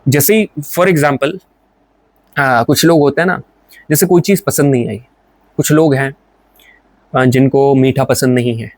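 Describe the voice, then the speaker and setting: A young Indian man, an English teacher, gives a casual Hindi vocabulary lesson in a mid-range voice, speaking a little slowly with long pauses and no echo. He's chatty, joking and brotherly, offering English example sentences.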